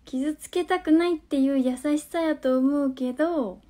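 A young woman in her twenties speaking with a Hakata dialect, her voice sitting a little on the high side. She chats casually into her phone on a live stream, reading out viewers' comments and answering them, now and then sinking into soft, near-whispered asides. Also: normal speed. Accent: Hakata dialect of Fukuoka.

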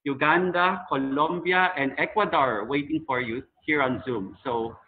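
A man's voice: fairly high pitch, measured pace. A man hosting an online session, introducing the guest in an upbeat, announcer-like manner over a video call. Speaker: host. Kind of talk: formal introduction. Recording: tinny video call audio.

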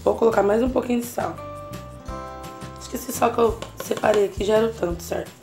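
Over music, a woman with a voice on the high side and some vocal fry talks fast through a home recipe at her stove in the home kitchen. She hosts a cooking channel, has a Brazilian Portuguese accent, and keeps up a chatty, casual tutorial that constantly checks in with the viewer.

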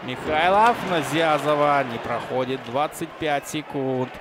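A man commentating live on ice hockey, with excited goal calls. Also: a little high, a little slow, a crowd in the background. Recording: very noisy arena, loud background ambience.

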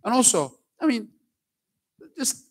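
An older Turkish man with a slight accent lectures students on a large auditorium stage in a very high, very animated voice, taking his time. The professor's lively talk stays conversational, with jokes for the crowd and frequent "okay?" check-ins.

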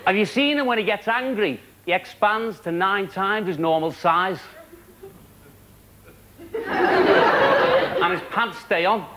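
Cheeky Scouse stand-up comic, high voice. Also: male voice, sing-song, heavy background noise. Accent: Liverpool (Scouse). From Liverpool, England. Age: 30s. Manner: quick, cheeky patter with punchlines. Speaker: stand-up comedian. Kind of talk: stand-up routine. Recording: loud studio audience laughter.

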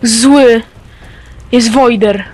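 A performer voicing a former friend who now serves a dark lord as a fanatic, talking in a menacing, preachy way in a Minecraft role-play. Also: mid-range voice, extremely slow. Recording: game music playing behind.

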